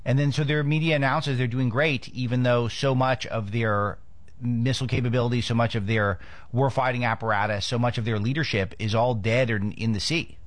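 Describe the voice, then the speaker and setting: A man's voice: mid-range voice, steady tone, fairly quick, dry recording. A man from Los Angeles hosting a political commentary show, talking off the cuff with frequent restarts. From Los Angeles, United States.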